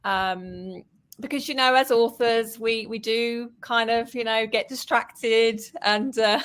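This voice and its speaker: A woman talks casually as an interview guest, starting sentences over and laughing between thoughts. Her voice sits a bit high and comes across bright and forward. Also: steady tone, slow pace, smooth. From southern England. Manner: chatty, laughs often, repeats words as she goes. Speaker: author and writing coach, guest.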